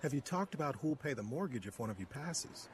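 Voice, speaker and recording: A man playing a persuasive, helpful insurance pitchman in a commercial, with an upbeat, salesy delivery. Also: sing-song, brisk, noisy background, natural voice.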